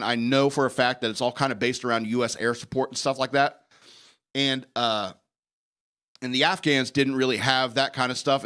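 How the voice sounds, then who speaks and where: A man's voice: medium pitch, a bit bright. A man hosting a talk show, delivering a blunt, emphatic, opinionated news rant and repeating phrases for effect.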